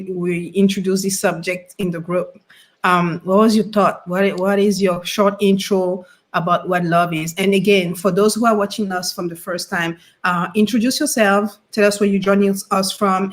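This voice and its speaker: A woman's voice: mid-range voice, steady tone, normal speed. Chatty woman hosting an online panel. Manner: welcoming, chatty, hesitant fillers. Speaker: host. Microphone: video call.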